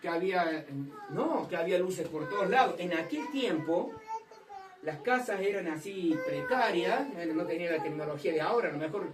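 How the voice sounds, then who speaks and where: A woman preaching a fervent sermon to a congregation, rising to loud emphatic passages. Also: lowish voice, animated, moderate pace, background noise. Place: church hall. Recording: echoey hall from far off.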